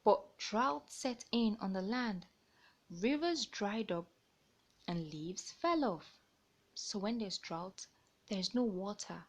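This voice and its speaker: Speaking in a mid-range voice, she hosts a storybook read-aloud for children. Her explanations are deliberate and kept simple for the young audience.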